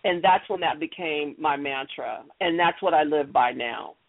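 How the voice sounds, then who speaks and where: A middle-aged woman with a low voice talks at normal speed as a guest in a conversational interview. She makes audio theater and recounts personal stories earnestly and emphatically, encouraging the listener, all over a narrow, tinny-sounding phone line.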